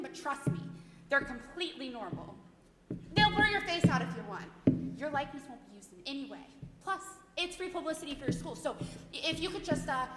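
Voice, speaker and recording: A woman performing a stage monologue as a ditzy, bubbly teen college applicant who gushes in chirpy valley-girl talk. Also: sits high. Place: school theater stage. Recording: echoey hall from far off.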